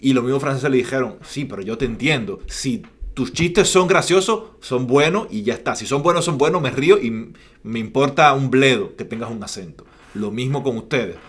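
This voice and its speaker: A man's voice: mid-range voice, lively intonation, moderate pace, breathy edge. Guy cohosting a podcast, jokey, tells long stories, says ujú a lot. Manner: playful, storytelling, frequent "ujú" backchannels. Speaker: podcast co-host. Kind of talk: casual chat. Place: lives in Canada, remote call.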